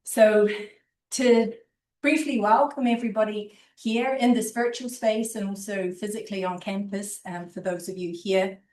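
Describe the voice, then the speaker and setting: A woman with a New Zealand accent gives a formal, earnest welcome speech in a measured way. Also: mid-range voice, fairly even intonation, darkish tone. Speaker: university vice president giving a welcome address. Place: indoor university event room with online audience. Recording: echoey room, distant microphone.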